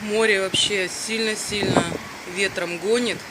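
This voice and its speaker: Slow-talking woman in loud wind. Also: mid-range voice, steady tone. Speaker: amateur vlogger filming from a balcony. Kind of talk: casual spontaneous narration to camera. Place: outdoors on a windy high balcony. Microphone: handheld camera mic buffeted by wind. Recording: loud wind noise buffeting the microphone.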